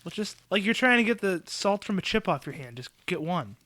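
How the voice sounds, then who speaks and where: A man's voice: high voice, sing-song, pushed and bright. A man co-hosting a podcast, brainstorming in a casual chat and cracking sarcastic jokes. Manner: sarcastic, quick to joke. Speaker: podcast co-host.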